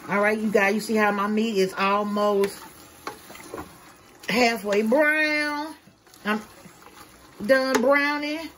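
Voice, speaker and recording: A woman with a fairly high, steady voice cooks in her home kitchen for a casual cook-with-me vlog, calling her viewers y'all. She talks slowly, pausing often, with a somewhat bright tone. The camera is held by someone else, and the recording is rough with slight background noise.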